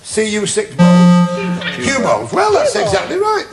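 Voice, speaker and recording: A man's voice: high-pitched, wildly swooping pitch, a little slow, loud music behind the voice. A man hosting a television game show in a studio, bantering with contestants and cracking puns. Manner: jokey, punning, teasing contestants. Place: TV studio with a live audience. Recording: loud audience and noisy broadcast sound.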